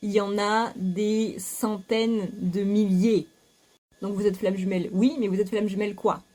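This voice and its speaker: Unhurried and warm, with a steady mid-range voice, this woman talks frankly to camera in a casual home vlog for her spiritual YouTube channel. She often restarts and leans on fillers, and a vacuum cleaner runs in the background nearby.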